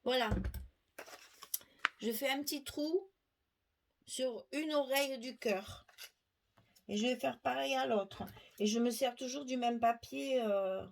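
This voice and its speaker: A middle-aged woman talks slowly through a craft demonstration, her voice sitting a little high. She chats with viewers as she works, with faint background noise and small clicks from her tools. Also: vocal fry. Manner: chatty, explains while working, asides to viewers. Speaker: crafting tutorial host.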